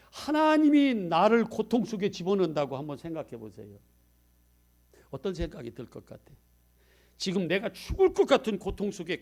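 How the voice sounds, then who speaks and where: A man pastor preaching a sermon, talking conversationally with the congregation and swinging from quiet asides to loud emphasis. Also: a little high.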